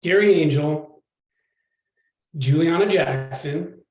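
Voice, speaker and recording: A man co-hosting a live webinar, joking in a dry, deadpan way. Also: on the high side, slow, echoey room. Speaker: guest co-host.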